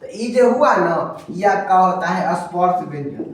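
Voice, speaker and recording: A young man teaches grammar in a chatty, casual way, asking his students questions and then answering them himself. His voice sits fairly high. He is recorded from a distance in a very echoey room. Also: expressive, a little slow. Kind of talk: casual Hindi grammar lesson.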